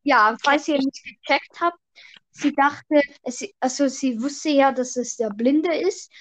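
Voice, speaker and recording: A woman's voice: high voice, takes it slowly. A woman hosting a casual podcast, telling jokes eagerly and explaining her punchlines, heard through a lo-fi mic with a slightly robotic echo. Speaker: podcast host. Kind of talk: casual joke-telling chat.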